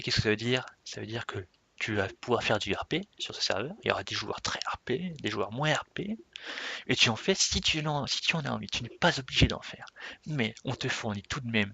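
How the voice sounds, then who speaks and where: A man's voice: mid-range voice, creaky, bright, forceful tone. A man giving an unscripted, rambling introduction to himself and his gaming server, often correcting himself and laughing at himself. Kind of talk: unscripted casual vlog talk.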